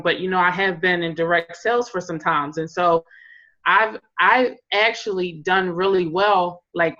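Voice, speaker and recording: A woman's voice: lowish voice, pushed and bright, dull audio. A woman in direct sales casually sharing tips on a group call, rambling with lots of fillers.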